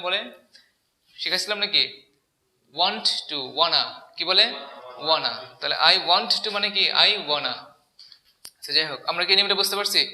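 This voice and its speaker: A man's voice: sits high, sharp tone. A man teaching an English grammar lesson, asking the class questions and repeating key words. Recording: echoey room.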